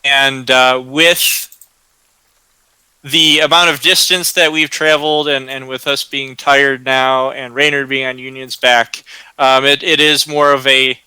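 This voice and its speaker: A man runs a tabletop game, narrating at a slow, deliberate pace with frequent ums and uhs. His voice is bright and very clear, recorded close and dry. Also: medium pitch, no room sound, poor audio. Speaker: game master.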